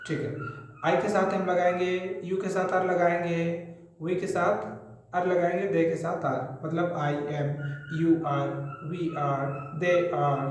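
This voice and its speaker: In a very echoey room, a man with a high voice and level tone teaches a spoken English grammar lesson at a slow pace. He patiently drills one example sentence after another.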